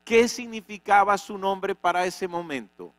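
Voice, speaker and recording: A pastor preaching a sermon, dramatic, with many rhetorical questions. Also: male voice, high voice, measured pace, fairly bright tone, no room sound. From Venezuela. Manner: dramatic, rhetorical questions, acts out quoted voices. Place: church.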